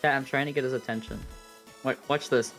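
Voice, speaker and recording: A man's voice: mid-range voice, steady tone, fairly quick, fairly bright tone, soft background music. A man joking around on a game stream, goofy and giggly in casual banter.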